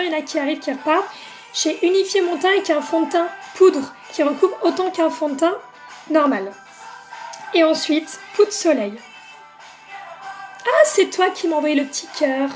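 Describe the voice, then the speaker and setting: High-voiced chatty woman on a live stream. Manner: chatty, greets viewers by name, many fillers. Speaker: makeup seller hosting a live stream. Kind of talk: casual live-stream demo chat.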